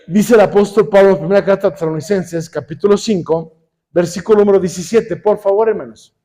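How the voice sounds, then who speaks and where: A man's voice: sits high, a little fast, mellow. A middle-aged man with a Mexican accent preaching a sermon, who keeps saying "hermanos" and asks his congregation questions, with joking asides.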